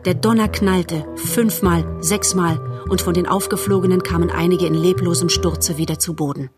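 A woman narrating a storybook in a measured, calm way. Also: lowish voice, over music. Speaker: audiobook narrator.

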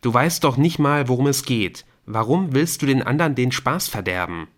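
A man's voice: mid-range voice, expressive, normal speed, pitched above the performer's own voice, lightly acted. A defensive teenage boy in a storybook snaps back in short, curt bursts, as a man reads him. His voice is edgy and brusque. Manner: snappish, brusque.

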